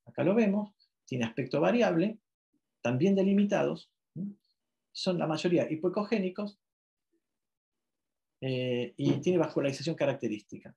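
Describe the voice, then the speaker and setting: A man's voice: fairly high pitch, vocal fry, dark tone. A man from Argentina giving a medical ultrasound lecture, explaining step by step with frequent checking questions and self-corrections.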